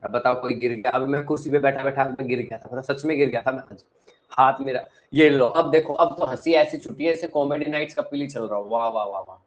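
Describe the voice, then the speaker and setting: A young man with a north Indian Hindi accent teaching an online class, teasing and scolding his students between explanations, swinging between loud and soft. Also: mid-range voice, steady tone, fairly quick, poor audio. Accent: Hindi-speaking north Indian.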